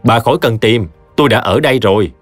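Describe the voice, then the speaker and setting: A man's voice: medium pitch, quick pace, no room sound, soft background music, lightly acted. A man voicing a firm young stepdaughter. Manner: firm and cutting. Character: resolute young woman, wronged stepdaughter.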